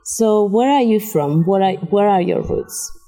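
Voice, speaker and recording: A woman interviewer speaks in a conversational way, putting questions to her guest. Her voice sits at a medium pitch and has a soft, dark warmth. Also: unhurried, in a large hall, poor audio. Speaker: interviewer and host.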